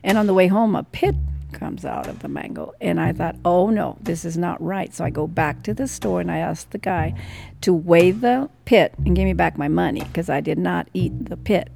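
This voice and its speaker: A woman in her sixties telling personal stories in a lively, animated way. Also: on the low side, normal speed, vocal fry, slight background noise. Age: 60s. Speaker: interviewee. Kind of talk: personal storytelling.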